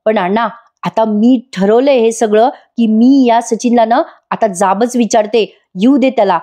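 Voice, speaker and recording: A woman's voice: a little high, unhurried, mellow. A woman reading as a worried young woman.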